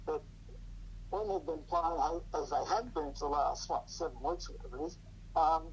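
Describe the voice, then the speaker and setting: An older man talks through a low quality speakerphone recording, with faint noise underneath. His voice sits a little high for a man. He rambles and hesitates, with plenty of ums and restarts. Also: moderate pace, low-quality recording. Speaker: guest on a podcast, host's father. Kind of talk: casual chat about rugby league.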